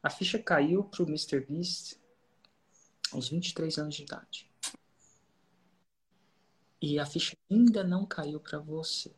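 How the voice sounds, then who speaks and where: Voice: medium pitch, slow, long pauses. A speaker with a Brazilian accent, hosting a podcast and telling a story in a casual, conversational way. The speaker acts out quoted dialogue and often says "cara". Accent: Brazilian Portuguese.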